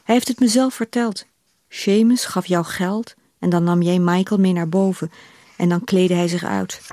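A woman reading aloud, voicing an older, worldly woman who speaks in a calm, matter-of-fact way, recorded on a close studio microphone. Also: on the low side, moderate pace, no room sound, close to an everyday voice. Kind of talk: literary reading.

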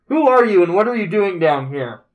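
A man voicing an unearthly disembodied voice that loudly challenges intruders in a tabletop game. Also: high voice, very animated, fairly quick, voice pushed up, low-quality recording. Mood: stern, suspicious. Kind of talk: tabletop game role-play.

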